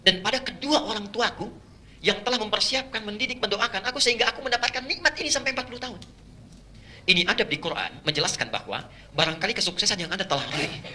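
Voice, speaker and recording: A man's voice: fairly high pitch, bright, forceful tone, a little hiss or hum. A man preaching an Islamic sermon, emphatic, repeating key phrases and chanting Quranic verses.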